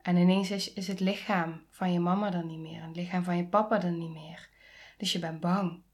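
A woman in her thirties hosting a podcast, speaking earnestly and intimately, often dropping into soft near-whispers and rising to emphatic pleas. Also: on the low side, fairly even intonation, brisk. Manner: rises to emphatic, pleading tones. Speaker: podcast host. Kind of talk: reflective podcast monologue.

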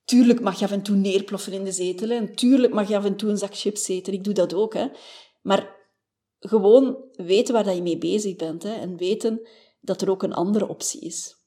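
A woman's voice: medium pitch, fairly even intonation, brisk, mellow. A woman with a Flemish accent, a former family doctor, hosting a motivational podcast and telling stories in a chatty way that tags many sentences with a questioning "hè".

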